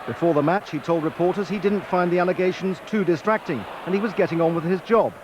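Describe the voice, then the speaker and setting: A male news reporter giving a scripted report in a measured, formal way, heard from a worn VHS tape copy. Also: high-pitched, lo-fi sound, background noise.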